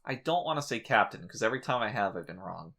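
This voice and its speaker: A man hosting a podcast, his voice bright and forward. He talks in loose, casual chat, joking around and swearing freely. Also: fairly low pitch, lively intonation, fast talker, vocal fry. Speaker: podcast host.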